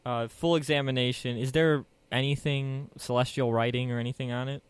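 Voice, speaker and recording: Guy player in a tabletop game, chatty and playful, normal pitch. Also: fairly even intonation, a little fast, clean tone, no room sound. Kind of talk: casual tabletop game play.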